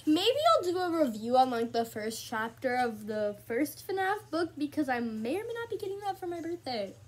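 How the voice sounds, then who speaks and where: A woman's voice: sits high, lively intonation, moderate pace, slight background noise. A teenage girl chatting casually in a giggly, playful way with her lips on a bottle opening. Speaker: vlogger. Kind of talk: casual chat.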